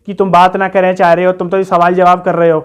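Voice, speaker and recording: A man voicing a nervous, flattering young male job aspirant, who pleads and keeps saying "bhai sahab". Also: sits high, fast talker, clear, resonant tone, pitched below the performer's own voice, natural voice. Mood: pleading.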